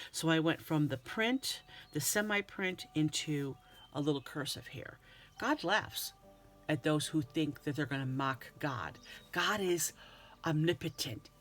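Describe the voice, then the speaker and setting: A woman giving a casual tutorial on Bible journaling, reading verses aloud and often repeating words and restarting as she explains. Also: low-pitched.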